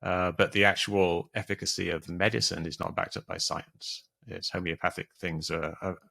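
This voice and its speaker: A man's voice: sits low, flat delivery, moderate pace, creaky, pushed and bright. A man being interviewed on a podcast, explaining things at length with frequent restarts and fillers. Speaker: guest, debunker of conspiracy theories.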